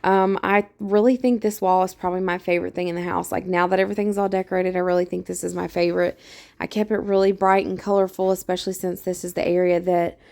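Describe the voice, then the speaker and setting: A woman's voice: on the low side, flat delivery, fast, gravelly, darkish tone. A young woman, chatting casually while walking through her home with a handheld camera and laughing often. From Louisiana. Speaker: vlogger.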